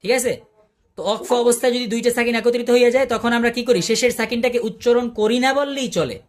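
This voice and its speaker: A man's voice: extremely high pitch, fast. Man, Quran recitation teacher, online class, patient, repeats sounds, asks the class questions, video call audio.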